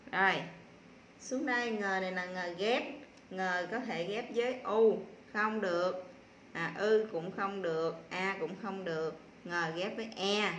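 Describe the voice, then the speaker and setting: A woman primary school teacher giving a slow spelling lesson to young children, patiently sounding out syllables one by one with filler pauses. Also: medium pitch, fairly bright tone, echoey room, slight background noise.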